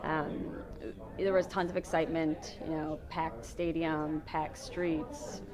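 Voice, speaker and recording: A woman's voice: deep voice, little pitch movement, slow. A woman speaking as a sports commission representative in a press-event interview, positive and promotional. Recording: busy crowd chatter behind.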